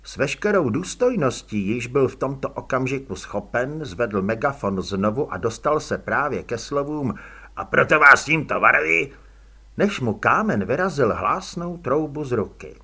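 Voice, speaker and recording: Expressive, husky male audiobook narrator. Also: mid-range voice, few pauses. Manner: expressive, dramatic storytelling.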